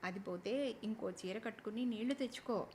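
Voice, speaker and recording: A woman's voice: mid-range voice, a little fast, darkish tone, slight background noise, close to an everyday voice. A woman voicing a sensible middle-aged mother who talks in a matter-of-fact, scolding way, in a storybook reading.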